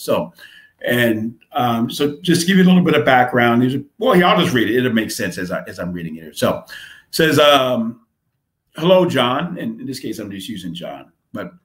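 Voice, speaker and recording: A man's voice: medium pitch, sing-song, a little fast. A man giving a casual marketing lesson on a live stream, talking conversationally with lots of fillers and asking "right?" often. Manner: reads his own letter aloud. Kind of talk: casual instructional talk.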